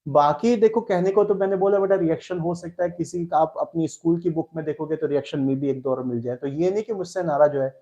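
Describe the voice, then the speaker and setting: A man's voice: fairly high pitch, fast talker, few pauses, mellow, lo-fi sound. Coaxing Indian man teaching chemistry. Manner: coaxing, calls students "beta", repeats words. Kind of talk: live online class lecture.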